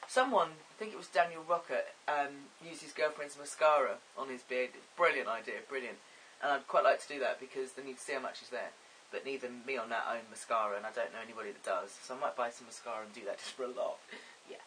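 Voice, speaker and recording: Bright, chatty man. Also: mid-range voice, steady tone, fast talker, slight background noise, rough recording. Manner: chatty, rambling, self-amused, frequent ums. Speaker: vlogger. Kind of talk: casual to-camera vlog.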